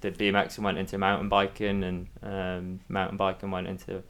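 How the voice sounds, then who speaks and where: A man in his thirties with a soft, fairly neutral Manx accent and a lowish voice. He talks casually as a podcast guest, feeling his way through thoughts in a hesitant, conversational manner. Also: monotone, a little fast. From Isle of Man. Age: 30s. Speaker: podcast guest, former athlete.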